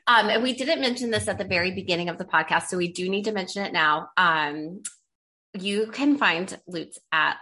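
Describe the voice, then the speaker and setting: A woman's voice: lowish voice, normal speed, sharp tone. A woman hosting a podcast, chatting casually and speaking straight to her listeners. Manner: chatty, addresses listeners directly. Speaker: podcast host and fitness coach.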